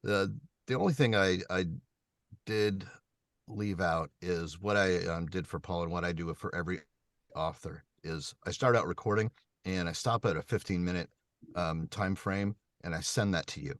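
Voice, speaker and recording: A man who narrates audiobooks answers questions on a video call. He explains things in a measured way with frequent ums. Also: low-pitched, fairly bright tone, dry recording, studio quality.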